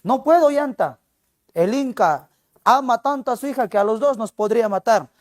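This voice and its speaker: A man's voice: very high voice, expressive, normal speed, dry recording, clean studio sound. A male teacher playing a cautious royal adviser who warns in an anxious tone. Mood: warning.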